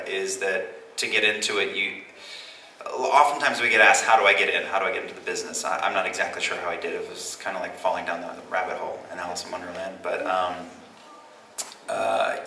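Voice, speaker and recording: A man's voice: sits low, pushed and bright. A man answering fan questions at a convention panel in a chatty, self-deprecating, rambling way. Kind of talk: casual panel Q&A. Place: large convention hall, live audience. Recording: echoey convention hall, distant mic, faint hiss.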